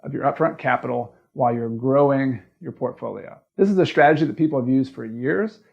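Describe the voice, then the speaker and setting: A man's voice: medium pitch, fairly quick, gravelly, muffled recording. A man with a Southern US accent giving a casual, plain-spoken video lesson, explaining step by step as the host. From American South. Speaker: real estate investing educator and video host.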